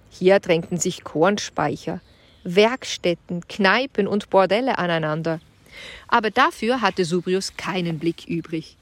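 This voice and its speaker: A woman narrating a children's adventure audiobook with clear, even storytelling. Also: fairly low pitch.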